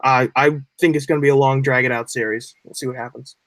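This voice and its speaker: A young man co-hosting a casual sports podcast, rambling through animated explanations. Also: mid-range voice, fast talker, dry recording. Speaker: podcast co-host.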